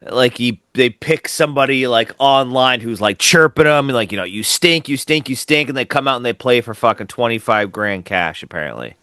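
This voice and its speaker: A man's voice: medium pitch, normal speed, hardly any pauses, bright, forceful tone, clear, resonant tone, no room sound, clean studio sound. Blunt, swearing man on a podcast. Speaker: podcast co-host. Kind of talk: casual sports chat.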